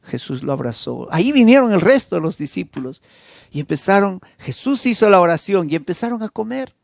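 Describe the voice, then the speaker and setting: A Peruvian pastor preaches with a gravelly, slightly high voice, recorded close and dry. He tells the story emotively and dramatically, swinging between loud, raised passages and hushed ones. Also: big pitch swings, brisk, no echo. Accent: Peruvian Spanish. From Peru. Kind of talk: evangelistic sermon.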